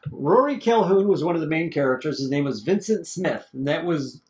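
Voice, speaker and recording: A man's voice: a little high, lively intonation, brisk, a little mellow. A man casually chatting as a podcast co-host reviewing an old movie, rambling and chuckling, tripping over names. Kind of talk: casual chat. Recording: dull lo-fi podcast audio.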